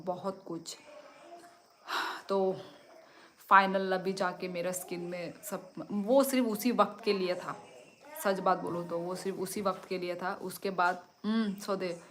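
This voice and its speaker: This is a young woman chatting on her own livestream, pitched slightly low and easygoing. She answers viewer comments as they come in and moves freely between languages. A faint background noise sits under her voice. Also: fairly bright tone. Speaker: livestream host. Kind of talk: casual livestream chat.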